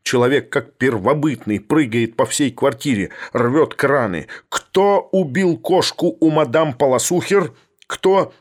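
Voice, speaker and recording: A man's voice: medium pitch, a little slow, few pauses, close to an everyday voice. Man doing a haughty, thundering old professor. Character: imperious, ironic older male professor. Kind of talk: audiobook reading.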